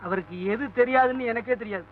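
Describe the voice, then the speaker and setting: A sly, high-voiced sorcerer's helper. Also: male voice, fast talker. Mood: brusque. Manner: sing-song mantra chanting, curt replies. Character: shifty male sorcerer's helper who chants spells. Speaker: sorcerer's assistant. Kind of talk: 1940s film acting. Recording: tinny old film soundtrack with hum.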